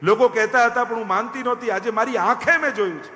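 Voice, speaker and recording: A man voicing a loving, worried mother who coaxes her child in a gentle motherly tone. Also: extremely high pitch, fast, voice pushed up. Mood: scolding. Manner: coaxing motherly tone. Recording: echoey hall with faint music.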